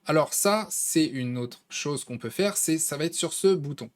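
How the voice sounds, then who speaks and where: A man's voice: fairly high pitch, expressive, normal speed. A man with a French accent walking viewers through a design tool in a casual, conversational screen-recorded tutorial, with plenty of fillers. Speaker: tutorial host.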